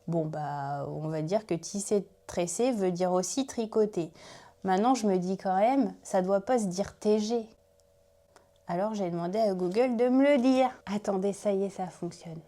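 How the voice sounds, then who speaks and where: A woman's voice: medium pitch, animated, a little slow, dark tone. A woman hosting a knitting podcast, talking casually and chattily to her viewers, often laughing at herself. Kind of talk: casual chat to camera.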